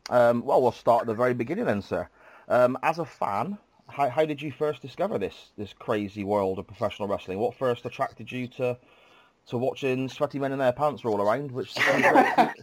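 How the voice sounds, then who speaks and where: Here a man hosts a relaxed podcast interview, polite and talkative, filling gaps with ums while fighting a cold that leaves him congested. His mid-range voice is expressive and runs at normal speed, recorded without echo.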